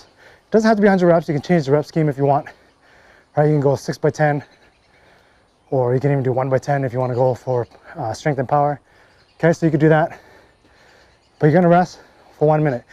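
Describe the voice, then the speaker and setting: A man giving casual workout instruction as a fitness coach, relaxed and full of fillers and "okay, right?" check-ins. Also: on the high side, brisk, long pauses, no room sound, muffled recording. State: briefly out of breath after a set.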